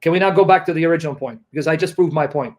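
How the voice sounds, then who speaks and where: A man with a high, raised voice argues in a heated online debate. He pushes hard and rapid-fire, mocking and insisting without pause.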